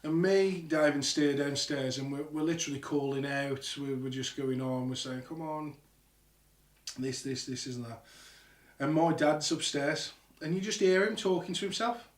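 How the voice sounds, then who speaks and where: A man hosting a live ghost hunt at night, telling an animated, sweary story in casual talk. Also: a little high, moderate pace, far from the mic. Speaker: paranormal show host. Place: old house at night. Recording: echoey room, off-mic.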